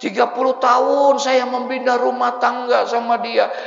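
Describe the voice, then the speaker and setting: An overwrought husband sobs and shouts his grief in a strained, high voice, as a preacher acts him out. The gravelly voice rings through a long, echoey hall on a dull, lo-fi recording. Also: level tone, normal speed, soft background music. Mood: wailing grief. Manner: wailing, shouting in sobbing despair. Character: grief-stricken middle-aged husband, wailing and overwrought.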